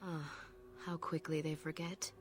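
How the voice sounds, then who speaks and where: An actress playing a calm, proud elf apprentice who speaks in a measured, reflective way with a low husky voice, from a game. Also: female voice. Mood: solemn.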